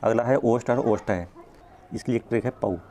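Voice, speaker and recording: A man's voice: mid-range voice, fairly quick, warm tone, slight background noise. A man teaching an exam-prep grammar lesson, explaining step by step, drawing out the sounds he demonstrates and checking in often.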